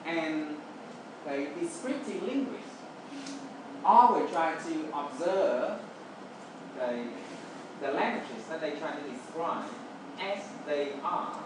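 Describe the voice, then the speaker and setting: Giving an explanatory classroom lecture with a Vietnamese accent, a native Vietnamese speaker checks understanding with short tags like "okay" and "right." The medium-pitched voice is animated but slow, with frequent pauses, recorded from a distance in a roomy, echoey indoor space with noise behind.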